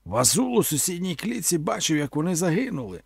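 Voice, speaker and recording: Old male chieftain, enraged, yelling accusations, as a male reader puts him on; high husky voice, dry sound. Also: sing-song, a little fast, no echo, exaggerated voice. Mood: accusing. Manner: shouting, accusing.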